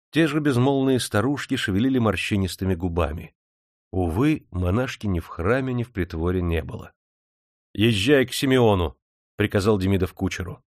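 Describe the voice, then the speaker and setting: A man narrating an audiobook, reading expressively and lifting his voice for lively dialogue. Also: dry recording, studio quality. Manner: animated, raises pitch for excited dialogue.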